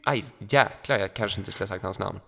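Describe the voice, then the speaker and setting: A young man spins a rambling anecdote with a low, gravelly voice, stopping often on fillers and acting out what people said. His voice rings with a long echo from the room around him. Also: a bit bright. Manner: rambling anecdote with many fillers and quoted dialogue. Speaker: podcast co-host. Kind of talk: casual storytelling chat. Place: school room.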